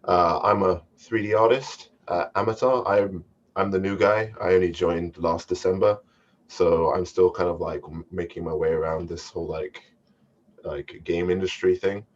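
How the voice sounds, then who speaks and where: A man's voice: low-pitched, steady tone, normal speed, dull audio, a little hiss or hum. A man from the UK introducing himself modestly as a newcomer, with loose fillers. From United Kingdom. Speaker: panelist, 3D artist. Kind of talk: casual self-introduction.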